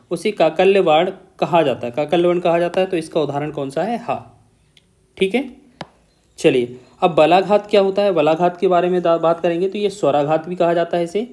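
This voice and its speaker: A man's voice: high voice, a little mellow. A man teaching an exam-prep lesson on Hindi grammar, explaining step by step, repeating key points and checking in with the listener.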